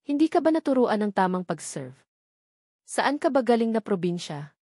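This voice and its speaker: A haughty, scornful lady of the house, as a woman reads her part in an audiobook, cutting and condescending, her voice climbing as she scolds. She sits at a middle pitch, and the recording is dry and close. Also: very animated, moderate pace, mellow, dry recording.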